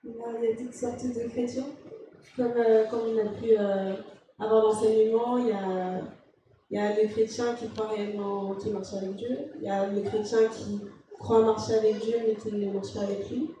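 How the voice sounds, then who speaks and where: A woman's voice: fairly high pitch, steady tone, moderate pace, lo-fi sound. A woman from the congregation answering the pastor's question, a little hesitant. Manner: hesitant, with fillers. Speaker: congregation member. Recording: distant echoey church room with noise.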